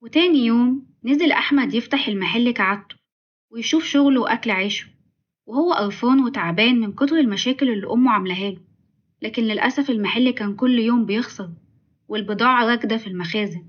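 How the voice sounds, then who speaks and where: A woman with an Egyptian accent narrating a family story in a brisk, dramatic way. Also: fairly high pitch, dull audio. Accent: Egyptian Arabic.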